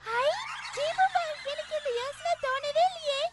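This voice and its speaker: A woman's voice: very high voice, measured pace. A woman voicing a stubborn little cartoon girl who whines, complains and talks back defiantly. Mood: excited. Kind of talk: animated cartoon dub acting. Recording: loud background cartoon music.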